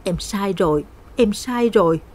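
A woman voicing a vengeful, lovesick young woman ghost in a spoken horror story, shrill and pleading. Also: a little slow, a little mellow, natural voice. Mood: anguished.

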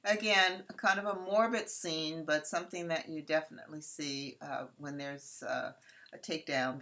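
A woman from California walks an audience through a safari slideshow. Her voice sits low, yet it comes across bright and forceful. She talks in a chatty, direct way. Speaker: safari presenter. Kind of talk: narrating a slideshow presentation.

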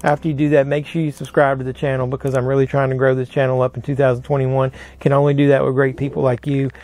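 A man's voice: mid-range voice, level tone, fast, a little mellow. A middle-aged man reacting to a movie on camera in a casual, rambling way, full of fillers and frank opinions, seated in a room packed with posters. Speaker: pop culture YouTuber.

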